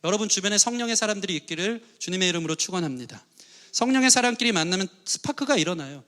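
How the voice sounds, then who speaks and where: Male pastor, middle-aged, high voice, preaching to his church with earnest questions. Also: expressive, quick pace, bright, forceful tone. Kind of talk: sermon. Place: church sanctuary.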